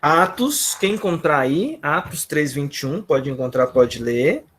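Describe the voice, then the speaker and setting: A man's voice: fairly high pitch, unhurried. A man with a Brazilian accent teaching a Sunday Bible class, telling a story with acted-out dialogue and asides to the class. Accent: Brazilian Portuguese. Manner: animated storyteller, acts out dialogue, frequent "né?" and "gente". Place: church classroom.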